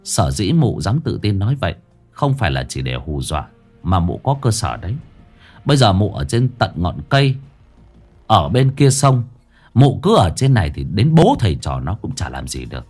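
Lively male horror storyteller. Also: deep voice, moderate pace, slightly rough, soft background music.

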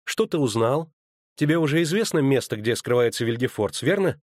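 A man's voice: lively intonation, brisk, darkish tone, no echo, clean studio sound, natural voice. A man voicing a proud, spurned sorceress woman who speaks with biting sarcasm in an audiobook. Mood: businesslike. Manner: biting sarcasm, rising pitch. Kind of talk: audiobook character voice.

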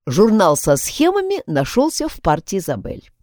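A woman narrating a children's storybook in an expressive, animated reading. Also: medium pitch, moderate pace, no room sound, studio quality.

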